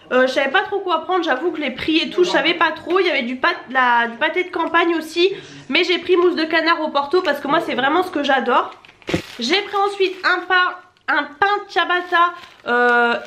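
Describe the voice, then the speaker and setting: A woman's voice: high-pitched, a bit bright. A young woman with a Marseille accent chatting casually to camera as a family vlogger, rambling and correcting herself as she unboxes. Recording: echoey room with faint noise.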